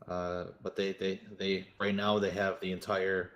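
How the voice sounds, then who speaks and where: A man voicing a grave, low informant. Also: completely flat delivery, unhurried, fairly bright tone. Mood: matter-of-fact. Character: grave male informant briefing adventurers on enemies.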